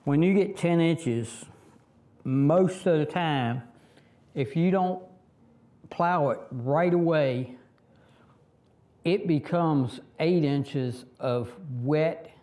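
A middle-aged Southern man drawls through a tractor how-to in an easygoing, unhurried way. His voice sits a little high for a man, and he wanders and restarts with plenty of "um"s and "you know"s. He is heard outdoors under a shelter, a few steps from the camera. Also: mellow. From Virginia, US. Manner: rambling, folksy, many fillers and restarts. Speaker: tractor vlogger. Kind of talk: casual how-to vlog.

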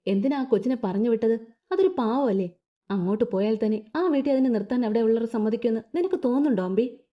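A woman voicing a hurt, gentle middle-aged father who speaks with sorrow, in a storybook reading. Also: a little high, fast, muffled recording, close to an everyday voice. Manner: sorrowful questioning.

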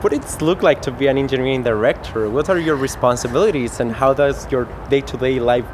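A young male host asks his guest questions in a friendly, informal way, his phrasing a little halting. He stands outdoors in a city courtyard. Passing traffic is clearly heard behind him. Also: mid-range voice. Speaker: interviewer, show host. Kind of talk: casual interview questions.

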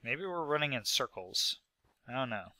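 A young man who hosts gaming videos talks casually through his gameplay while sick with a stuffy nose. His medium-pitched voice is sing-song and sharp in tone, at normal speed with no echo, and he rambles, mocks himself, and uses plenty of fillers.

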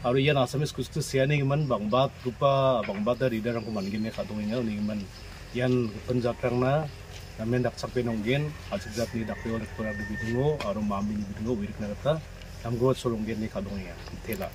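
A man's voice: mid-range voice, steady tone, fast, noisy background. Man speaking steadily outdoors.

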